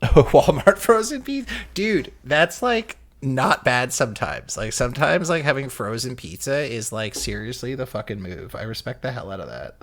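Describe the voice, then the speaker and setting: A man's voice: mid-range voice, big pitch swings, moderate pace, few pauses. A young man streaming live, chatting loosely with viewers and friends and swearing casually.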